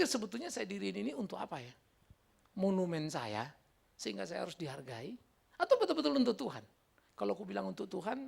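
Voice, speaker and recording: A middle-aged man preaches a sermon with a heavy gravelly rasp and a husky edge. His pitch jumps high and drops low all the time. He delivers it in an animated, colloquial style and keeps breaking into asides. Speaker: pastor.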